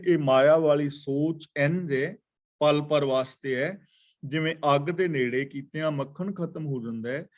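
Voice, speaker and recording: A man in his sixties teaches scripture in a katha class, speaking at a slow, measured pace. His voice sits somewhat high for a man, and he repeats key phrases to explain them. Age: 60s. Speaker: katha preacher. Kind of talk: scripture exposition.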